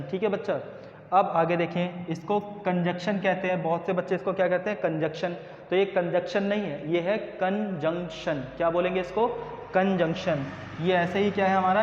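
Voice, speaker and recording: A man teaching an English grammar lesson. He asks the students questions, answers them himself, and drills pronunciation slowly. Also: sits high. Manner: slow, drawn-out pronunciation drills. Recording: echoey, dull room recording with faint noise.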